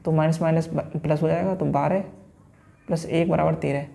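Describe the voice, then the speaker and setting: A man teaches an exam-prep math lesson step by step, posing questions and answering them himself. His voice is very dark and gravelly. He speaks in a flat, level tone. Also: fairly high pitch, normal speed. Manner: talks through each step, asks and answers himself.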